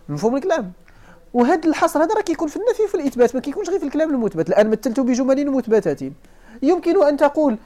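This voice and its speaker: Speaking in a very high, mellow voice with a Moroccan Arabic accent, a sheikh from Morocco teaches a classical text on grammar and rhetoric step by step. He goes over examples slowly and puts questions back to his students.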